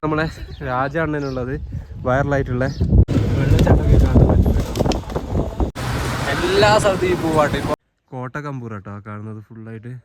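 Fast chatty Kerala man over loud noise. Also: medium pitch, animated. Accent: Kerala Malayalam. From Kerala, India. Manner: chatty, addresses viewers informally. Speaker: travel vlogger. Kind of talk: casual travel vlog commentary. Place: on the move outdoors and in buses. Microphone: handheld phone. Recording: loud traffic and engine noise.

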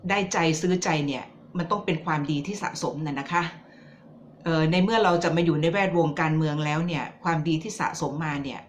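Woman vlogger chatting about the news, teasing tone, lowish voice, talks right to you. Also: muffled recording, slight background noise. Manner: chatty and teasing, addressing viewers directly. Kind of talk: casual political commentary to camera.

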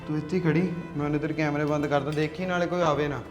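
A young man playing a sneaky son in a family web drama who steals from his father, muttering in a hurried, conspiratorial way. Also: on the high side, fairly even intonation, close to an everyday voice. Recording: echoey room with loud music.

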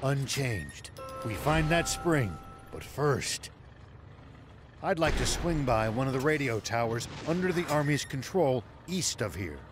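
An actor in his sixties playing a gruff, remorseful old ex-general who talks tersely. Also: medium pitch, very animated, a little slow. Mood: resolute. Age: 60s. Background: music.

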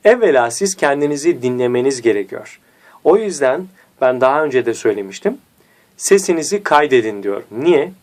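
A man teaching a diction lesson, speaking didactically and repeating key points to his viewers. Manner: varies pitch and slows for emphasis. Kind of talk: instructional video lesson.

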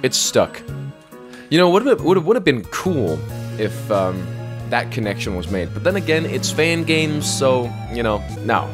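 A man rambles through a casual playthrough, joking at his own expense. His pitch swings widely as he talks. Game music runs behind him. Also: sing-song, unhurried. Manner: rambling, joking, self-deprecating. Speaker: gamer playing through a fan game. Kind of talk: casual let's-play commentary.

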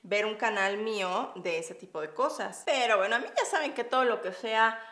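A woman's voice: medium pitch, moderate pace, pushed and bright. A woman with a Mexican accent in her thirties, chatting in a bubbly way with viewers while doing her makeup, laughing often. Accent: Mexican Spanish. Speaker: beauty vlogger. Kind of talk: casual chatty makeup vlog. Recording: echoey room.

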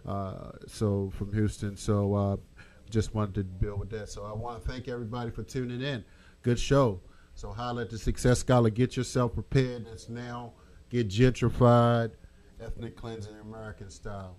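A man's voice: on the low side, flat delivery, moderate pace, dark tone. A middle-aged man hosting a radio show, talking casually and informally into a studio microphone in a small studio. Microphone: studio mic on boom arm.

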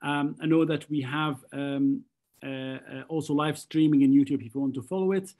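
A man moderates a webinar on a video call from an indoor room. He introduces the next speaker in a somewhat high voice, stumbling and hesitating over his words with many fillers. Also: steady tone, normal speed, warm tone.

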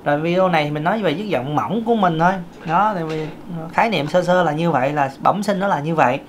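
A man's voice: fast, slight background noise. A man with a thin, light voice, giving a casual singing lesson, chatty with many fillers. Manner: chatty, with many fillers and sudden pitch jumps. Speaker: singing teacher.

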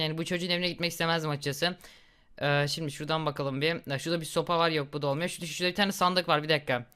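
A young man in his twenties chats through a gory game with a bright, forceful voice. He reacts loudly and laughs often. His tone is smooth and clear. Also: on the high side. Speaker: gaming YouTuber. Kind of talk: casual gameplay commentary.

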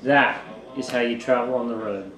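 A chatty middle-aged man walks through his groceries in a hotel kitchen, joking as he goes. His voice sits at a middle pitch and bounces around the hard room. Steady background noise runs under him. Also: normal speed. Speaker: cook on a road trip. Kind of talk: casual show-and-tell vlog. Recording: echoey kitchen, clear noise.

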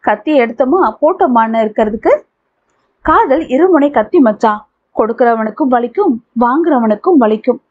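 Female reader doing a reassuring male friend; husky, lo-fi. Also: on the high side, expressive, normal speed. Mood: consoling. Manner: reassuring, advising. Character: calm, consoling young man friend. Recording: tinny phone-like audio.

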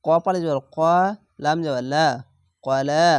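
A man teaching Quran reading, sounding out each letter and syllable slowly and patiently in a step-by-step lesson. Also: fairly high pitch, steady tone, clear, resonant tone, no echo, clean studio sound. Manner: slow, drawn-out syllable-by-syllable recitation.

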